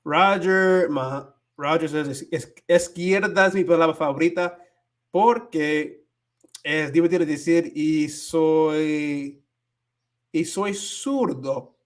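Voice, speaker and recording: On a casual livestream, a Spanish-teaching host from the United States reads viewer comments aloud. He talks slowly in a slightly high voice, shifting between English and Spanish and stumbling while looking for words.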